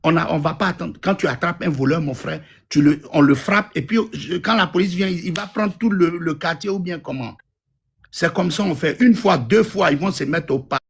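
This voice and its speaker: A man's voice: a little high, moderate pace, vocal fry, husky. A man, giving blunt, emphatic opinions in a street interview and repeating his points.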